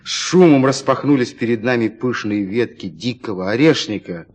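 A man narrating a story in an expressive, dramatic reading style. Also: medium pitch, moderate pace, slightly rough. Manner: lively, dramatic storytelling with shifting emphasis.

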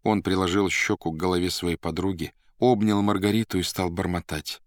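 A man narrating a literary audiobook in a measured, expressive way. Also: sits low, dry recording, studio quality.

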